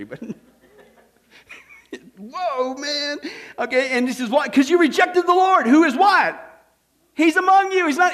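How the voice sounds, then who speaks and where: High-pitched, animated preacher man. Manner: animated preaching with rhetorical questions and frequent "okay?". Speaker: pastor. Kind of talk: sermon.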